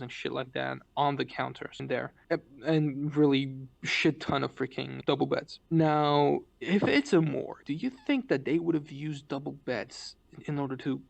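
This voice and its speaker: Gravelly male storyteller, casual, rambling and profane, lots of false starts. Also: medium pitch. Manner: rambling, profane, with frequent restarts.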